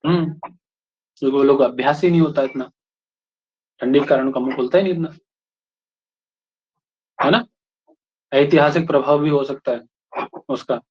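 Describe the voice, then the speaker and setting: A man from India lecturing a class in a fairly high voice, stopping every few phrases to check that the students follow him. The recording is dull and lo-fi. He speaks in a steady teaching manner. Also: normal speed, long pauses, breathy edge. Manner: keeps checking in with the class with short tag questions.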